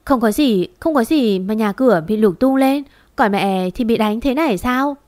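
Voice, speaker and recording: A woman's voice: a little high, expressive, normal speed, darkish tone, close to an everyday voice. A woman voicing an anguished grown daughter who presses her mother with urgent, reproachful questions, in an audio story.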